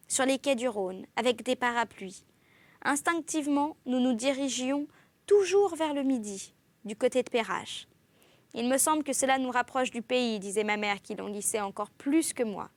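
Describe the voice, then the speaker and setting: A woman reading a classic novel aloud in an expressive literary style, lifting her voice on exclamations. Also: sits high, no room sound. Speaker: audiobook reader.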